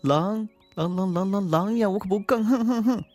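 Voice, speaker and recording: A woman voicing a timid young snow maiden girl who sobs, stammers and pleads in a high, quick voice. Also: a little mellow, faint music behind, lightly acted. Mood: refusing. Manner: wailing, stammering, fast high sobbing speech.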